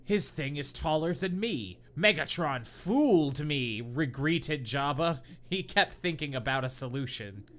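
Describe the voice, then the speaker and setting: On the high side and expressive, this podcast host's voice is a bit bright, a little slow and rarely pauses. He reads terrible fan fiction aloud as comedy, stumbling through the clunky prose, laughing, and interjecting with incredulous mockery.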